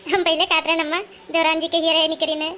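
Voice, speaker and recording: An actress playing a hardworking, complaining elder daughter-in-law who speaks an in a comedy skit. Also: female voice, very high-pitched, level tone, fast, pushed and bright, faint music behind.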